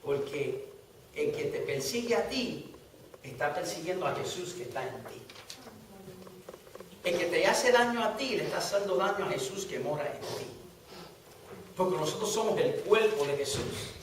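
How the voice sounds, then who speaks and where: A man's voice: sits high, animated, moderate pace, long pauses. A middle-aged man teaching a Bible study, preaching fervently, repeating phrases and often checking with the listeners. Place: church hall. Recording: echoey hall, distant mic, faint hiss.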